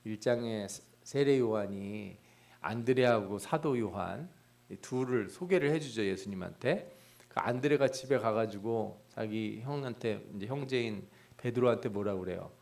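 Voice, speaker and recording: A man's voice: on the low side, moderate pace, creaky, a little mellow. A male pastor giving a Bible exposition sermon in a conversational way, asking the congregation questions and acting out people's prayers and thoughts. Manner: acts out prayers and inner thoughts in quoted voices.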